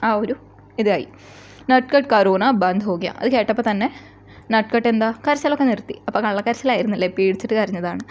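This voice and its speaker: A woman teacher from Kerala. She reads a story line by line, slowly, then explains each line quickly in a chatty way. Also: medium pitch, darkish tone.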